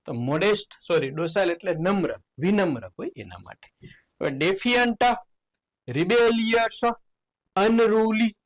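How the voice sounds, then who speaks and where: Gujarati guy teaching english vocab, slow, spells words out letter by letter, pitch jumps on key words. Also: lively intonation, poor audio. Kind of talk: exam solution lesson.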